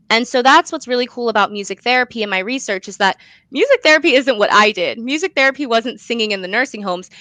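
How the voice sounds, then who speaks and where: With a medium-pitched, sharp-toned voice, a young woman who writes plays as a student speaks as a guest in an interview, enthusiastic, earnest and gushing about her own work. The recording has no room sound, and she is a young adult.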